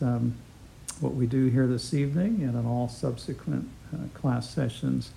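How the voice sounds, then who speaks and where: A middle-aged man opens a Bible class with a prayer, then lectures in a warm, conversational way, chuckling often and using fillers. His mid-range voice is gravelly, and the poor audio carries some hiss or hum.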